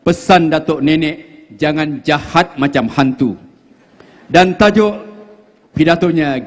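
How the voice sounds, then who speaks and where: A man with a Malaysian accent reads a formal scripted introduction as an event announcer. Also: fairly high pitch. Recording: long hall reverb.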